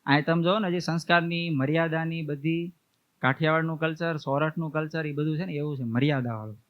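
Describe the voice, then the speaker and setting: Brief: male preacher, fairly high voice, folksy storyteller, narrow phone-like audio. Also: fairly even intonation, fast, no echo. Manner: homely storytelling, acts out family members' words. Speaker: swami preacher. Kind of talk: storytelling sermon. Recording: tinny, phone-like dry sound.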